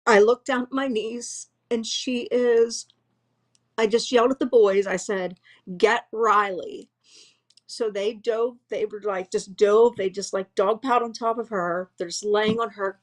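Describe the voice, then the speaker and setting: A middle-aged woman at home giving an emotional first-hand eyewitness account, halting and restarting as she speaks. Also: mid-range voice. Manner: halting, restarts often, voice full of distress. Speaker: eyewitness interviewee. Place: at home, dog nearby.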